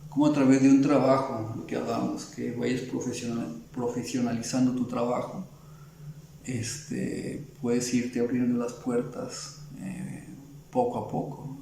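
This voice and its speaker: Gravelly Mexican man, rambling and dark. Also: mid-range voice, flat delivery, unhurried, reverberant, slight background noise, rough recording. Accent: Mexican Spanish. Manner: rambling, frequent fillers and restarts. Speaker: illustrator guest. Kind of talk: casual interview talk.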